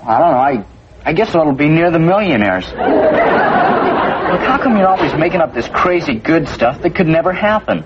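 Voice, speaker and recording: A man's voice: on the high side, sing-song, moderate pace, over a noisy crowd. A young male actor with an American accent playing a skeptical, matter-of-fact teenage older brother in a 1950s family sitcom. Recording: muffled, very noisy old TV soundtrack.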